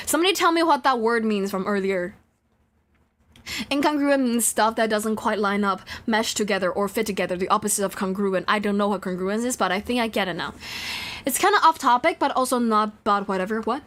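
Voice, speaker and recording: A woman live streams a visual novel, chatting with her viewers in a playful, rambling way and often singing nonsense syllables to herself. Her voice is medium-pitched, brisk and slightly bright.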